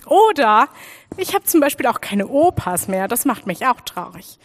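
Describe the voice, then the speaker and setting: A young woman from Freiburg giving an animated children's sermon and speaking straight to her listeners. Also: fairly high pitch, moderate pace, slight background noise. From Freiburg, Germany. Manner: animated storytelling, addresses listeners directly.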